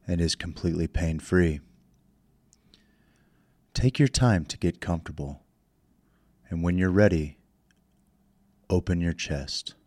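A man leading a guided meditation in slow, soothing instructions, speaking into a close microphone. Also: deep voice, darkish tone, dry recording.

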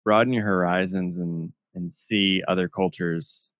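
A man's voice: low-pitched, steady tone, measured pace, a bit bright, no echo, clean studio sound. A man hosting a podcast, talking casually in a rambling way and laughing often. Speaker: podcast host.

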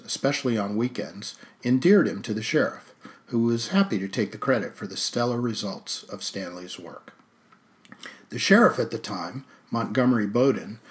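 A man narrating a story in a steady, even storytelling manner. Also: medium pitch. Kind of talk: audiobook narration.

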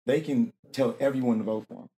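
A man's voice: mid-range voice, quick pace, warm tone. A man being interviewed in a casual, rambling conversation, laughing often and restarting his sentences. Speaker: interview guest, rapper and producer.

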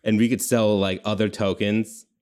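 This is casual brainstorming chat from a young man co-hosting a podcast, his fairly low, slightly mellow voice showing little pitch movement at normal speed. He wanders through ideas, saying "like" constantly.

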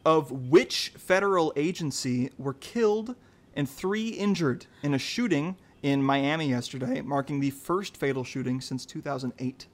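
Male trivia host, slightly high voice, chatty and upbeat, slow deliberate question reads. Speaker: quiz host. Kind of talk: casual quiz hosting.

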